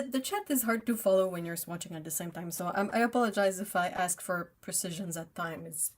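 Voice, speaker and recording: A young woman with a French Canadian accent, a native French speaker, paints while casually chatting with livestream viewers, reading chat aloud and laughing often. Her voice is on the lower side.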